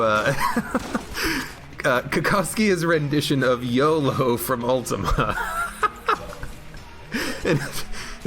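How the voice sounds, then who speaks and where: A man streaming a video game, rambling jokily through casual commentary and reading chat aloud. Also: medium pitch. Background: game music.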